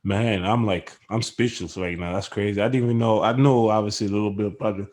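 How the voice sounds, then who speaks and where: A deep-voiced man hosts a casual interview and answers his guest with short, excited reactions. He comes across as impressed and talks loosely. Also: fast. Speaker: podcast host.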